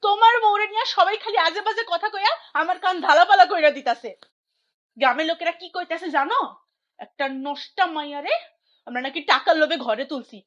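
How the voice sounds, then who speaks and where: An actress playing a spiteful young sister-in-law who complains dramatically. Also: female voice, high-pitched, brisk, fairly bright tone, dry recording, highs cut off. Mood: outraged. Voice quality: whiny, dramatic.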